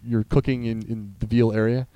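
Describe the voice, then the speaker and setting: Dark smooth-voiced young man telling stories. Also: medium pitch, level tone, normal speed, no room sound. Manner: rambling, joking, crude humor. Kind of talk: casual chat, comic storytelling.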